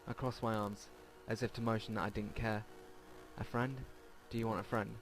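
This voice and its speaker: Reading a visual novel aloud for a let's play, this man speaks in a lowish, level voice at normal speed and stumbles on a word now and then. The recording is low quality, with game music in the background.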